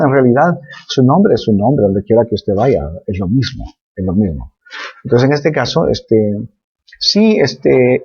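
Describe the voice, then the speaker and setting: Husky Spanish-speaking man teaching scripture. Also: medium pitch, a little mellow, lo-fi sound. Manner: explanatory, many fillers and tag questions. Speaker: Bible teacher.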